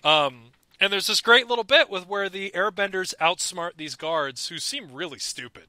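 An excitable young man co-hosts a casual podcast chat. His voice is very bright and a touch high. The sound is dry and close. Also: no room sound. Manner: excitable, quick to do mock voices. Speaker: podcast co-host. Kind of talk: casual chat about a cartoon.

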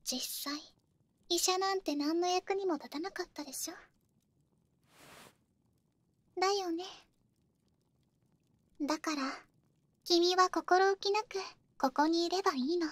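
A young woman voicing a possessive, coddling female wizard in ASMR role-play, coaxing with soft menace. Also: very high voice, no echo. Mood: softly menacing. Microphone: close, dry studio microphone.

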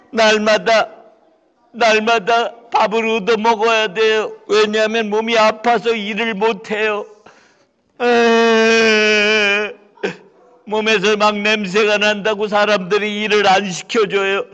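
Brief: male puppeteer doing a high, bright, whiny starving beggar, pleading and cheeky, echoing church hall. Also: smooth, dull audio. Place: church, live puppet show.

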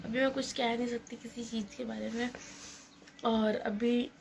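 A woman's voice: a little high, little pitch movement, moderate pace, gravelly, a little mellow, slight background noise. A young woman in her twenties narrating her day in a casual vlog voice-over. She chats and grumbles playfully, and her throat is slightly sore. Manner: chatty, complaining in a playful way. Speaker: vlogger. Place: indoors at home.

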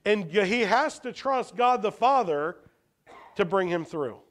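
A pastor delivers a sermon in a high-pitched, animated but slow voice, asking rhetorical questions and swinging between emphatic lines and hushed ones.

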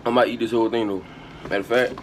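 A man's voice: lowish voice, steady tone, racing. A young man chatting casually to the camera in a home food challenge video. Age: young adult. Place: small room indoors at home. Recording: noisy home phone recording.

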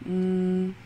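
A woman's voice: lowish voice, noisy background. A woman streaming a game, reacting to play with profane, mock-outraged trash talk. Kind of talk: live gameplay commentary.

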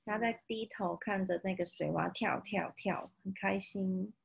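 A woman with a Taiwanese Mandarin accent reading a picture book to a toddler, playful and expressive, pausing to ask the child questions. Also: medium pitch, vocal fry, husky. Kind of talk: interactive read-aloud storytelling to a toddler. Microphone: video call.

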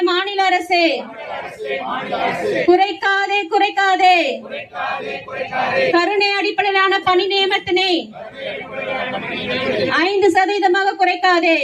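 A woman leading a protest through a megaphone, chanting each slogan twice in a steady rhythm. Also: very high voice. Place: outdoor street protest. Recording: echoey, distant, loud crowd around.

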